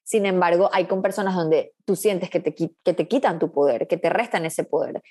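A woman's voice: on the low side, moderate pace, mellow, slightly rough. A woman coach, a guest in a casual interview, talking in an earnest, reflective way with frequent restarts.

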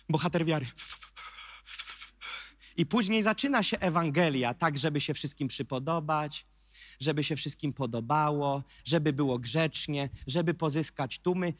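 A male pastor giving an emphatic sermon, dropping to quiet asides and rising to loud, repeated questions. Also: a little high, dry recording, studio quality. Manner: mocking put-on voices of churchgoers.

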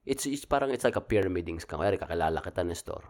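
A man with a Filipino accent co-hosts a relaxed podcast. His voice sits low as he spins a chatty, teasing story, slipping English phrases into his Tagalog. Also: fast talker. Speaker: podcast co-host. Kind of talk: casual chat.

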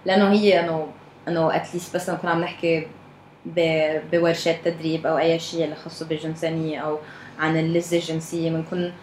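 A woman's voice: sits low, flat delivery, fast, darkish tone. A woman with a Levantine Arabic accent talking candidly and casually, dropping English phrases into her Arabic. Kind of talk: candid casual group discussion. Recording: roomy echo, faint background noise.

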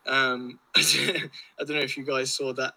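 Bright, forceful Englishman chatting casually. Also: mid-range voice, little pitch movement, measured pace, creaky, breathy edge, poor audio. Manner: rambling, chatty, British slang. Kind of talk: casual chat, telling travel anecdotes.

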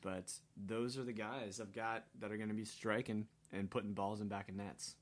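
A man's voice: on the low side, little pitch movement, normal speed. A man who is a guest on a podcast, chatting casually and making dry wisecracks. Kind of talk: casual chat.

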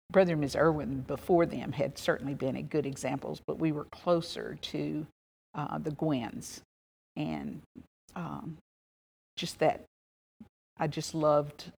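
Creaky, low-voiced older woman reminiscing. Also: a little mellow. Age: 70s. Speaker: interviewee, wife of a minister. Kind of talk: reminiscing in a family interview.

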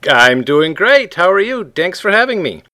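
Man from switzerland, middle-aged, podcast guest, relaxed, pauses with ums. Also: high voice. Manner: relaxed, searching for words with many ums. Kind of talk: casual interview conversation.

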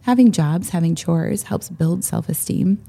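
A woman in her forties with a low, gravelly, husky voice, talking in a relaxed, chatty way. She laughs often and pokes fun at herself as she talks. Her tone is mellow and dark. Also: measured pace. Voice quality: raspy. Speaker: podcast co-host. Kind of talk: casual chat.

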